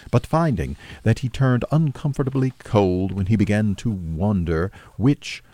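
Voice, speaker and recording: A man with a deep, dark, mellow voice reads a classic story aloud in a measured, steady way. The recording is close and dry, with no room sound at all. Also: dry recording. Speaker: audiobook narrator. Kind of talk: scripted narration of a classic novel.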